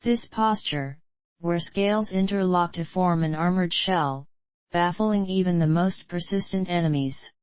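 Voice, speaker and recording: A woman reading scripted nature documentary narration in a measured, earnest, formal way. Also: fairly low pitch, a little mellow, dry recording, lo-fi sound.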